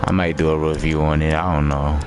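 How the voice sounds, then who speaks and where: A man's voice: a bass voice, flat delivery, a little fast, background noise. An American man giving casual, slangy live commentary on a game as he streams it. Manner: slangy, informal.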